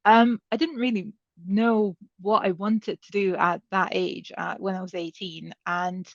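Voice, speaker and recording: This woman, a Hungarian-speaking panelist from Serbia, recounts her career at an advice evening, talking a little slowly in a medium pitch with fairly even intonation. She rambles conversationally with many fillers and restarts. The sound is close, dry, and echo-free, somewhat dull and lo-fi.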